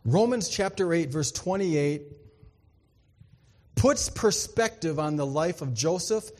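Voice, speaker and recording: A male pastor preaching a conversational sermon, swinging from emphatic bursts to hushed asides. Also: fairly high pitch, expressive, takes it slowly, in a large hall.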